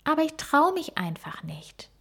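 A woman voicing an excitable little gorilla girl in a storybook reading, with an eager, high, bright way of talking. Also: moderate pace, creaky, heavily acted.

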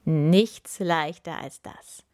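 A woman's voice: low voice, a little mellow. Woman doing a grumpy old hermit wizard. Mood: gruff. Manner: slow, gruff grumbling. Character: gaunt old male wizard, grumpy, slow-spoken.

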